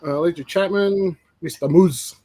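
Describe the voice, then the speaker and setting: With a high-pitched, warm voice, a man co-hosting a reptile breeding stream chats casually at a measured pace, drifting through stories full of fillers. The recording is rough.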